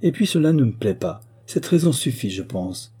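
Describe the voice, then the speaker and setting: A man reading the lines of a calm, kindly and authoritative old prince in an audiobook, speaking evenly and quietly commanding. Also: mid-range voice, moderate pace, breathy edge, pitched above the performer's own voice. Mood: calm authority. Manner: even, quietly commanding delivery.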